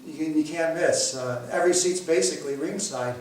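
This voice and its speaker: A man speaking haltingly in casual interview chat, endorsing local wrestling shows with many hesitations. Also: fairly high pitch, darkish tone. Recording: very echoey room, distant mic.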